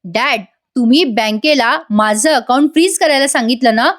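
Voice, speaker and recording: A woman reading the lines of a defiant grown daughter who loudly confronts her father. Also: high-pitched, normal speed, lightly acted. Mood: confronting. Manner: loud and confronting.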